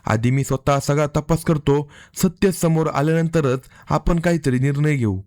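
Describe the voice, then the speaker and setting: An earnest young man gripped by suspicion, speaking in the calm, plain tones of a read-aloud story, as a male narrator gives him lines. The voice sits a little high and sounds close and dry. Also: normal speed, no room sound, close to an everyday voice.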